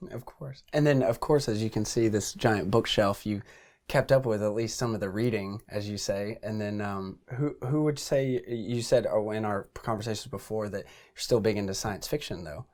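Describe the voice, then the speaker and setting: A man's voice: lowish voice, moderate pace, darkish tone. A young man hosting an interview, asking questions in a casual, slightly hesitant way, seated in a book-lined study. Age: young adult. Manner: casual, a bit hesitant, with fillers. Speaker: host. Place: study lined with bookshelves, indoors.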